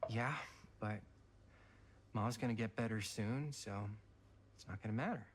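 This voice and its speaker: An actor voicing a sweet-talking teenage younger brother in a video game, hesitant and coaxing. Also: male voice, on the low side, a little slow, slightly rough.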